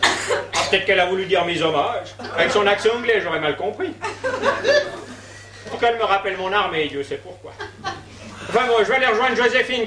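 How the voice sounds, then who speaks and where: A man playing a rambling, half-deaf old husband who mishears everything, in an amateur stage comedy. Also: sits high. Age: older. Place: theatre stage. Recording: echoey stage from far off, noisy.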